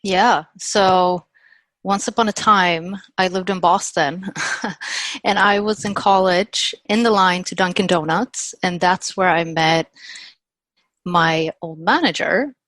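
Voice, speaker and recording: Woman, from Sweden, podcast guest, casual storytelling, slightly low voice, dry recording. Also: slow, dry recording. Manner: chatty, animated retelling with quoted dialogue and frequent "like".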